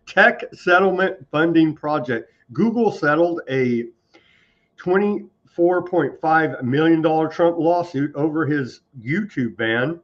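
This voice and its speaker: A man's voice: on the high side, expressive, takes it slowly, lo-fi sound. A man hosting a news talk show, reading headlines and adding wry asides. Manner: reads headlines, then adds wry asides.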